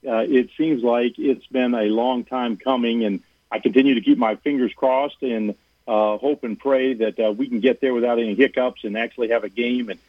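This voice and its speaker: An athletic director speaks earnestly by phone on a radio sports show, rambling with lots of fillers and restarts. His medium-pitched voice has fairly even intonation and moderate pace, coming through a tinny, dry phone line with no room sound.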